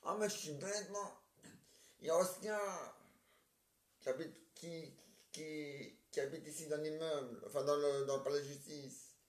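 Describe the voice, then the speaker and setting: A man acting out a comic play and switching between roles, halting and stammering as he repeats his words. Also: a little high, steady tone. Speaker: amateur stage performer. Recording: roomy, distant mic.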